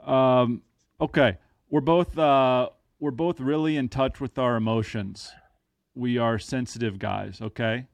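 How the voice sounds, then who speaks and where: A man's voice: medium pitch, steady tone, unhurried, creaky, dry recording. A man in his thirties hosting a podcast in casual chat, with dry, self-mocking humor. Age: 30s. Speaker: podcast host.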